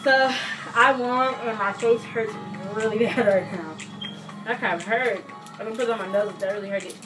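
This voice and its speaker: A woman's voice: medium pitch, normal speed, music in the background, rough recording. A young woman hosting a challenge video in casual chat to the camera.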